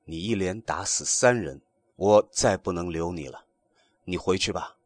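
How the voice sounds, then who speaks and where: A man voicing a stern, weary male Buddhist monk who speaks in low, curt scolding tones. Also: moderate pace, dry recording.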